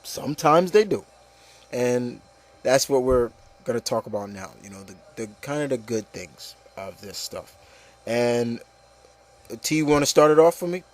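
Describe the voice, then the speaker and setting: A man with a mid-range voice hosts a casual opinion talk alongside co-hosts, speaking at a moderate pace in an animated way. He rants emphatically and keeps repeating himself, leaning on "okay" and "you know."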